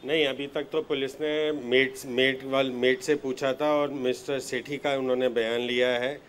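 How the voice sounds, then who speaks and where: A male resident giving a calm, firm account to a reporter. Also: mid-range voice, unhurried, a little hiss or hum.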